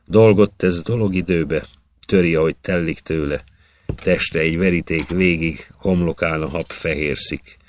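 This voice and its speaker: A man reciting an epic poem in a measured, rhythmic verse delivery. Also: sits low, darkish tone. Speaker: poetry reader.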